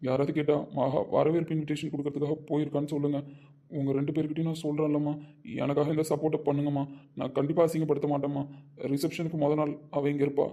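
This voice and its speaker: A man's voice: on the high side, little pitch movement, fast talker, dark tone, lo-fi sound. A man playing a young husband who pleads earnestly with his mother. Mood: pleading. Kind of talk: web series drama acting.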